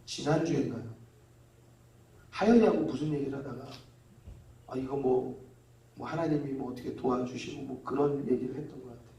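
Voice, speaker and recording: A man's voice: medium pitch, brisk, pauses often, dark tone. A male pastor giving a conversational sermon, leading the congregation to repeat lines, recorded in a church sanctuary. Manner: conversational preaching with call-and-repeat. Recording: echoey church hall from far off.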